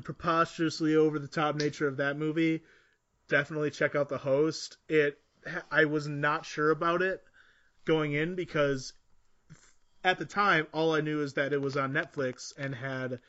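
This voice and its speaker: A man's voice: a little high, fairly even intonation, a little slow, a bit bright. A man co-hosting a casual movie podcast, talking in a hesitant way with many restarts. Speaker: podcast co-host. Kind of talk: casual chat about movies. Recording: slightly dull lo-fi audio.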